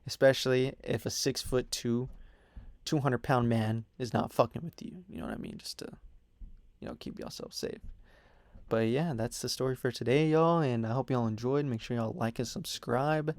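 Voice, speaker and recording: A young man tells a story in a loose, rambling way, swearing often and padding his sentences with "you know" and "whatever." His voice sits in an ordinary middle pitch. The sound is close and dry, with no room around it. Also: normal speed, vocal fry, no echo. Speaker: storytime vlogger. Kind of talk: casual storytime monologue.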